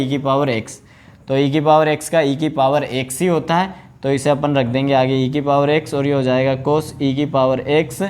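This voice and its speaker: A man talks through a maths problem step by step. He asks a question, then answers it himself right away. His tone stays lively and coaxing, with a "thik hai" every few lines. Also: fairly high pitch. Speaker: maths teacher. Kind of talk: whiteboard maths lesson.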